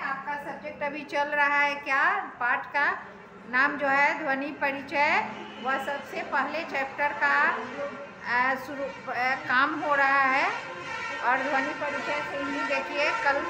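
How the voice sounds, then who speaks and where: A woman teaching Hindi grammar in an online class, going over each step slowly and asking the students check questions. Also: high-pitched, recorded from a distance. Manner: slow, repetitive teaching with frequent check questions. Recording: echoey room, voice from off the mic, faint ambience.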